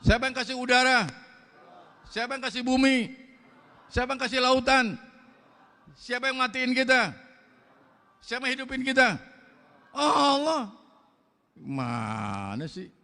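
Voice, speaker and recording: An older man with a Betawi accent preaching a blunt, loud mosque sermon in slangy street talk, firing rhetorical questions at the congregation. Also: extremely high pitch, fairly even intonation, normal speed, long pauses. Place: large mosque hall. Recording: long mosque reverb.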